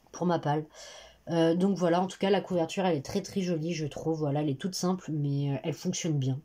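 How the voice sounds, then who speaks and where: A woman's voice: low voice, dark tone. A teenage girl chatting casually about the books she plans to read, rambling and hesitant, with many fillers, recorded on a phone in her bedroom. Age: teens. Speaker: booktuber. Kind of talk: casual chat. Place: bedroom at her parents' home. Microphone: phone camera.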